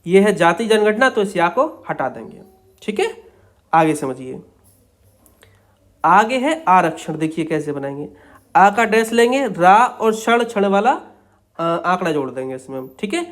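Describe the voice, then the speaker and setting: A man's voice: high-pitched, animated, unhurried. A young man teaching shorthand, explaining each outline step by step in a patient, repetitive way. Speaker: stenography teacher.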